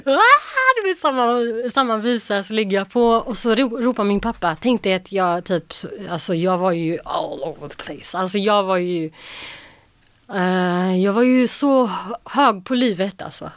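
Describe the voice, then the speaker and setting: Lively woman telling a story, dry sound. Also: mid-range voice, clean tone, dry recording. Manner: lively, quotes people with "I was like" and acts them out. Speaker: actress, podcast guest. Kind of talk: casual storytelling in a podcast interview.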